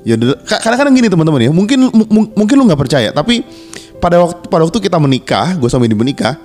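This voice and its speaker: A man's voice: a little high, big pitch swings, very fast, a little mellow, faint music behind. A man co-hosting a podcast in casual slang, speaking earnestly and frankly to listeners and often restarting his words. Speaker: podcast co-host. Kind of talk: casual personal chat to listeners.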